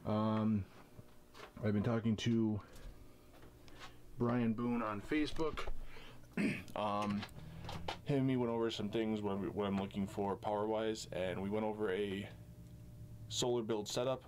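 This casual RV walkthrough vlog features a man in his thirties with a lowish, steady, darkish voice, a measured pace, and long pauses. He records into a handheld camera mic with a little hiss or hum, rambling loosely with many fillers as he moves from inside the RV to its roof outdoors.

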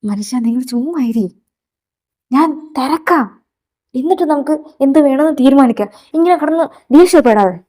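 A woman's voice: high-pitched, normal speed. A woman voicing a scolding mother. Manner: scolding, urging calm. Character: middle-aged mother and wife, scolding, calming. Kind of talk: Malayalam fan audio drama.

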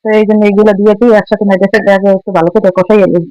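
Home cooking vlogger: Barishal woman with a Barishal accent, smooth clear voice, dry room, slightly dull recording. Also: mid-range voice, steady tone, very fast, dark tone, dry recording, soft background music. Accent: Barishal Bangla mixed with Dhaka speech. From Barishal, Bangladesh. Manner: chatty, reminiscing while cooking. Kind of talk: casual cooking narration.

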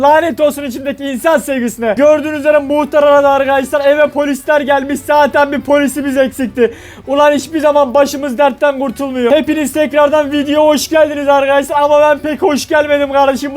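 A man hosting a gaming channel, doing comic role-play commentary to his viewers in an exasperated, cursing way. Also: very high-pitched. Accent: Turkish. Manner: exasperated, talks to viewers, curses a lot.

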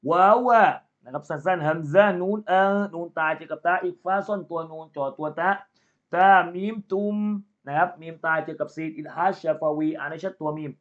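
A male teacher giving a tajweed lesson, spelling out letters syllable by syllable and reciting slowly in melody. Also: on the high side, steady tone. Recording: tinny phone-like sound.

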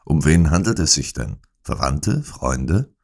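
A man playing a calm, unmoved detective. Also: a bass voice, slow, gravelly, breathy edge, full character voice. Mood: composed probing. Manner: composed, unmoved, probing. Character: calm, sharp-minded male detective. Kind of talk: audiobook character voice.

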